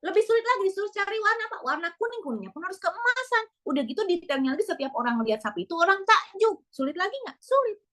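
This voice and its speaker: High-voiced, lively woman preacher. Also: fast talker, few pauses. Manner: lively, rhetorical questions. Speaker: female preacher. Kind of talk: sermon storytelling.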